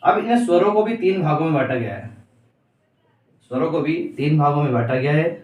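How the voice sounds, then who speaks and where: A man with a slightly high voice teaches an exam-prep grammar lesson, putting questions to the class and then answering them himself. He stands away from the mic, so his voice sounds thin and distant. The room echoes a great deal. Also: animated, brisk, muffled recording. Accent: Indian Hindi.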